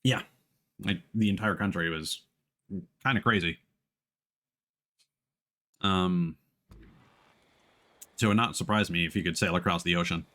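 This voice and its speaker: With a low, sharp-toned voice, a streamer comments on his game at a measured pace, pausing often. The close-miked commentary is casual and full of informal slang, and he chuckles through his remarks.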